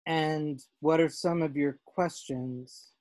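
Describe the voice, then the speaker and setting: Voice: medium pitch, steady tone, slow, a little mellow, no room sound, poor audio. A class leader on a video call, asking questions in a hesitant way with many fillers and repeated words. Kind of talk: leading a class discussion.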